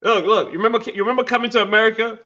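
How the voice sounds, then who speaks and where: A man with a high, bright voice argues his case in casual podcast chat, insistent and teasing. The sound is a little dull and lo-fi. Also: rapid-fire. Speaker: podcast co-host.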